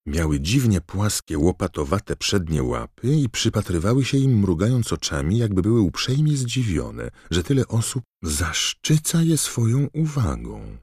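A man reading an audiobook aloud in steady, even storytelling narration. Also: lowish voice, normal speed, hardly any pauses, slightly rough, no echo, clean studio sound. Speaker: audiobook reader. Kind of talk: scripted narration.

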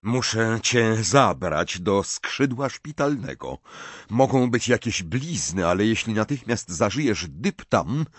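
A man's voice: on the low side, big pitch swings, slow, slightly rough, no room sound, exaggerated voice. A man voicing a stern, coldly furious teacher in an audiobook, with clipped commands. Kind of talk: audiobook character voice.

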